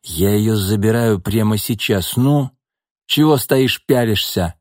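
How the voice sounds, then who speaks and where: A man voicing a drunken, bitter ex-wife, hoarse and scornful, slurring and shouting. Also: on the low side, takes it slowly, dry recording, studio quality. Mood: demanding. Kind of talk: audiobook character voice.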